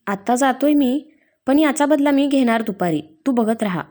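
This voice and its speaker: A woman's voice: on the high side, moderate pace, darkish tone, close to an everyday voice. Woman reading as a teasing young husband. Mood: playful. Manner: teasing, affectionate. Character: playful teasing young husband, a police officer.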